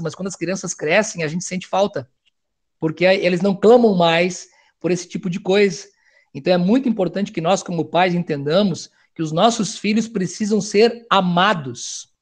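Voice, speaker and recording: Loud middle-aged guy, pretty high voice, talking to parents as a family counselor. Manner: loud, animated, talks of speaking loudly. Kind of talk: talk to parents.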